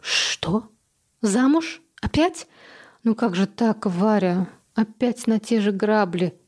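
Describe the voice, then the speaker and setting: A woman's voice: mid-range voice, fairly even intonation, unhurried, dark tone, lightly acted. Woman doing a clingy tearful mother. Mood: dismayed. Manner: plaintive, fretful questions. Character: middle-aged mother, tearful, clingy, self-pitying.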